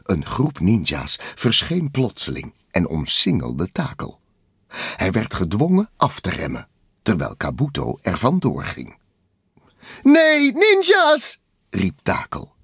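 Low gravelly guy reading a storybook, slow, close dry mic. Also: no room sound. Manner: lively, expressive reading. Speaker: narrator. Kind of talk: storybook read-aloud narration.

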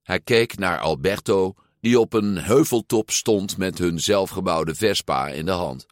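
A man reading a storybook aloud as narrator, expressive and unhurried. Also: low voice, no echo, clean studio sound.

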